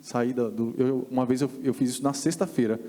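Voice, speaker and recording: Earnest Brazilian man, mellow voice. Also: medium pitch, fairly even intonation, in a large hall. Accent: Brazilian Portuguese. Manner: earnest, halting storytelling. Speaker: podcast guest giving testimony. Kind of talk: personal faith testimony. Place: church podcast studio.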